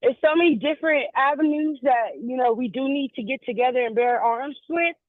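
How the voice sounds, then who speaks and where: A woman calling in to a radio talk show, heard over a phone line, speaking in an earnest, measured way. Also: high-pitched, no echo. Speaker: caller.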